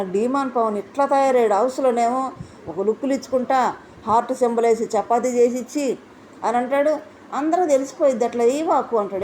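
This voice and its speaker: A woman with a somewhat high voice delivers an opinionated reality show review. She speaks with indignation and throws out one rhetorical question after another. She hammers her points home by repeating them. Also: a little mellow, slight background noise.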